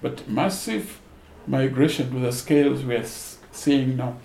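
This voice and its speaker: Man, mellow creaky voice, halting thoughtful delivery, seminar speaker, echoey room, faint noise. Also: mid-range voice. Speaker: panel speaker. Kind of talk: extempore seminar answer. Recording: roomy echo, faint background noise.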